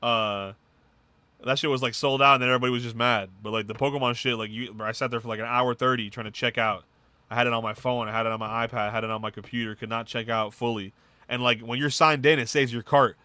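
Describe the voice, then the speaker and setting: A man co-hosting a podcast, rattling off game news in casual, swearing slang with excitement. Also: medium pitch, fast, clear, resonant tone, no echo. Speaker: podcast co-host. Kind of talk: casual chat.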